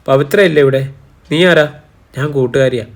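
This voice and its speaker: A man's voice: medium pitch, fast, close to an everyday voice. Young student girl whining to her parents, man narrator doing her, audiobook. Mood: earnest. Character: impulsive young woman, a nursing student daughter.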